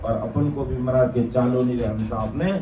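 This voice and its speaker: A man's voice: mid-range voice, steady tone, normal speed, lo-fi sound, slight background noise. A man giving a devotional sermon at a gathering, quoting verses and explaining them with repeated, emphatic phrases. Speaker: satsang preacher. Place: satsang hall gathering. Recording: echoey room, distant mic, faint ambience.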